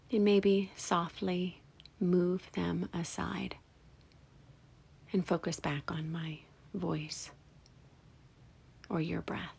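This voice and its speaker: A fairly low-pitched woman leads a guided meditation against background music, her short, gentle phrases separated by long pauses. She speaks softly and soothingly, trailing off into breathy, whispery endings.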